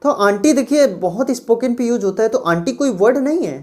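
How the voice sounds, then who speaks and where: Woman, grammar teacher, patient step-by-step explanations, deliberate reading of examples. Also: on the high side, animated, a little mellow. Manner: explains patiently, repeating rules and correcting examples; reads English example sentences slowly and deliberately. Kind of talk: classroom grammar lecture.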